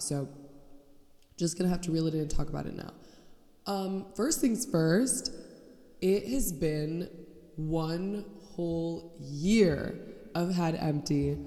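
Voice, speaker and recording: A young woman with a deep, warm voice hosts a casual solo podcast, sounding nasal because of a cold. Her rant is blunt and sarcastic, with plenty of swearing. The audio is roomy and echoey, and the mic is held the wrong way.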